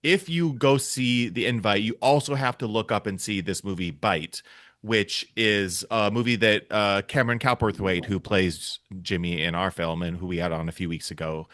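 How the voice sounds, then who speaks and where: A man's voice: fairly low pitch, moderate pace, fairly bright tone, dry recording, studio quality. A man hosting a casual podcast interview, rambling and enthusiastic with plenty of fillers. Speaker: podcast host.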